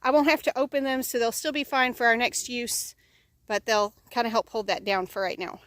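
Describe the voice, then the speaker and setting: A woman with a slightly high voice talks casually at an outdoor chicken pen, filling her explanations with frequent ums and uhs. Her voice sounds close and dry. She talks like a homesteading vlogger walking viewers through a project. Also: fairly even intonation, brisk, fairly bright tone, dry recording. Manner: chatty, many ums and uhs, restarts.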